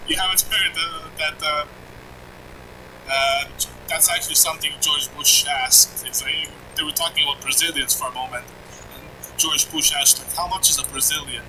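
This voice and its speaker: A man's voice: fairly high pitch, steady tone, normal speed, distant mic, over music, poor audio. A man chatting casually on voice chat with gaming friends, joking and laughing.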